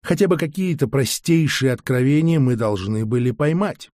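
A man's voice: medium pitch, expressive, normal speed, darkish tone, no room sound, clean studio sound, close to an everyday voice. A man voicing a haughty alien male researcher who lectures and cuts others off curtly. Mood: lecturing. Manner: curt, lecturing.

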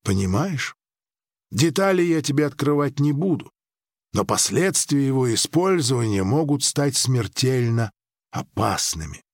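A man voicing an old, powerful foreign dream-weaver who speaks in a measured, persuasive, faintly ironic way. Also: medium pitch, animated, no echo, studio quality.

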